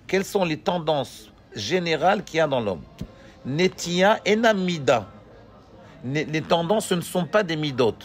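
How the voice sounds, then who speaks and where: Casting: rabbi, slightly high voice, lively and questioning with his class. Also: unhurried. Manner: animated, questioning, joking with students. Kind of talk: lively Torah class with students.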